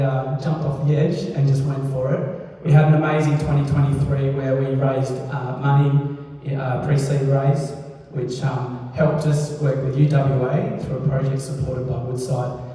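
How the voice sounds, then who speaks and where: A man giving an informal startup pitch on stage, hesitant, with frequent ums. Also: dark tone. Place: large echoey event venue. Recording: echoey hall, distant microphone.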